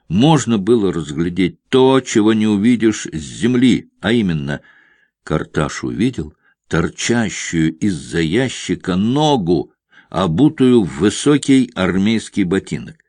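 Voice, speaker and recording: A man reading a thriller audiobook aloud in a measured, tense narrating style. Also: sits low, big pitch swings, darkish tone, no echo, clean studio sound. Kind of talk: dramatic scripted narration.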